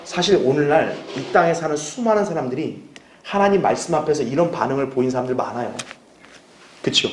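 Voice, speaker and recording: A man preaches to his congregation in a relaxed, talky way, often turning questions back to the listeners and briefly acting out little exchanges. His voice sits a little high for a man. The sound rings around a roomy church hall. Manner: conversational, asks the congregation questions and acts out short dialogues. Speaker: pastor. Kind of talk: sermon, Bible exposition.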